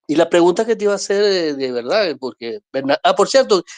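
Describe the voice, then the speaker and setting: A man calling in, talking in a warm, rambling way and laughing often. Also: high-pitched, animated, quick pace, no room sound. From Venezuela. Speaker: caller. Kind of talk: casual chat.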